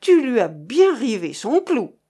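A smug café gentleman drawls his approval at a slow pace, as a woman reader puts him on in a storybook. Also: on the high side, very animated, slightly rough, exaggerated voice.

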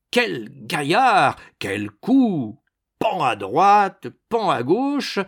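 A man reading an audiobook, voicing a bold, power-hungry young prince who talks in a boastful, excitable way. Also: mid-range voice, pitched above the performer's own voice.

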